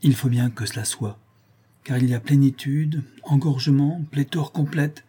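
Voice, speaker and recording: A man reading an audiobook, voicing a fawning, glib male doctor with a flattering, bustling manner. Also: mid-range voice, moderate pace, husky, pitched above the performer's own voice. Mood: insistent. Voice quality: raised, loud, honeyed delivery.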